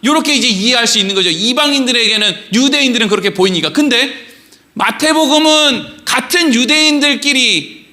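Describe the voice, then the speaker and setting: A middle-aged man preaching a sermon in a church sanctuary, speaking conversationally with rhetorical questions and reading scripture slowly. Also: very high voice, animated, bright, forceful tone. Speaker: pastor. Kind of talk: Wednesday evening sermon.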